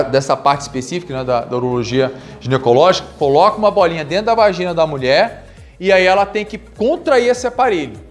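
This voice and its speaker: Energetic high-voiced lecturer coaching a class. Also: male voice. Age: 40s. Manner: energetic, coaching with repeated commands. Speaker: physical education lecturer. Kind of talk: live classroom lecture with exercise cues. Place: classroom with audience.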